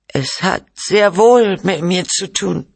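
A man's voice: medium pitch, animated, measured pace, vocal fry, breathy edge, no echo, pitched above the performer's own voice, exaggerated voice. A man putting on a frail, bitter mother. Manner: bitter, accusing, breathless outbursts. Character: frail distraught mother, middle-aged woman.

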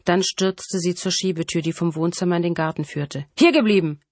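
Low-voiced woman narrating a thriller. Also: steady tone, darkish tone, dry recording. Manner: measured, suspenseful storytelling. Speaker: audiobook narrator. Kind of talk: first-person thriller audiobook narration.

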